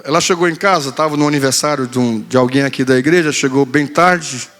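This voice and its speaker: A man's voice: mid-range voice, fairly quick, a bit bright, in a large hall, soft background music. A male pastor preaching a sermon, telling a story in a playful way and acting out quotes. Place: church hall.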